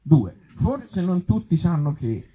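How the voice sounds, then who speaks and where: The voice is warm and a little high, swinging widely in pitch at a slow pace. It belongs to a Tuscan-accented author and actor performing at an outdoor festival, where he reads absurd comic pieces live and banters casually with listeners, mocking himself wryly amid hesitant asides. Sound quality is dull and muffled.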